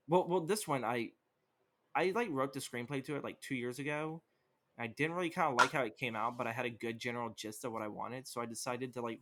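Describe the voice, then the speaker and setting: A man's voice: medium pitch, fairly bright tone. A young man co-hosting a podcast, chatting casually about what he has been reading, rambling with lots of fillers and swearing. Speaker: podcast co-host. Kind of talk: casual chat.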